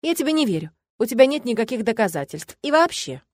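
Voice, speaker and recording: A woman's voice: on the high side, big pitch swings, quick pace, darkish tone, no echo, clean studio sound, voice pushed up. A woman voicing a curious, stubborn young woman student in an audiobook, her voice lifting on questions. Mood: curious, indignant.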